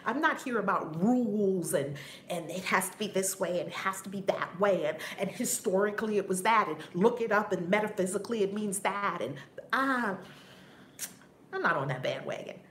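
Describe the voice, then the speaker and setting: Woman, spiritual teacher, lively livestream talk, frequent laughter, casual swearing, echoey room, faint noise behind. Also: medium pitch, moderate pace. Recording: roomy with faint background noise.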